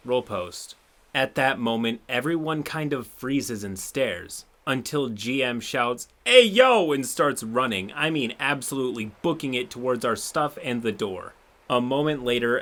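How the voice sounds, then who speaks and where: A man narrating a submitted tabletop gaming story, with expressive, sarcastic asides of his own. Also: mid-range voice. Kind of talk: reading a submitted story aloud with commentary.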